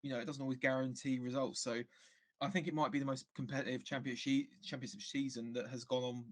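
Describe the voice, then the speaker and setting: Brief: man of middling pitch, casual fan guest, halting delivery with lots of restarts. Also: little pitch movement. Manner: hesitant, many restarts and fillers. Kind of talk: casual football chat.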